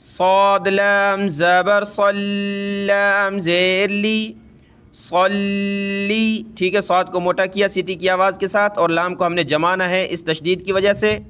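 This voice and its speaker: A man teaching Quran recitation step by step, quickly explaining letter sounds and then reciting each phrase slowly and drawn out. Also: high-pitched, flat delivery, a bit bright, clear, resonant tone.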